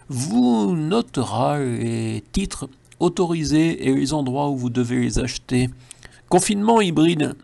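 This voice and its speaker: A man's voice: medium pitch, gravelly, a little mellow, dry recording. A man with a French accent delivering a mocking satirical monologue full of ironic asides. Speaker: satirical commentator.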